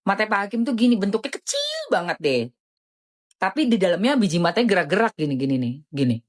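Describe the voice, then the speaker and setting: A woman hosting a casual live stream, chatting animatedly in slang and selling skincare. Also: fast talker. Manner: animated, chatty, jumpy pitch swings, lots of slang.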